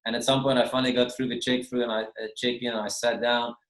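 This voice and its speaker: A man's voice: medium pitch, level tone, quick pace, a bit bright. Man teaching, roomy call. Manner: rambling, restarts and repeats words. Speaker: minister teaching a Q&A session. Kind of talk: casual spoken teaching. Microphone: video call. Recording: roomy video call audio.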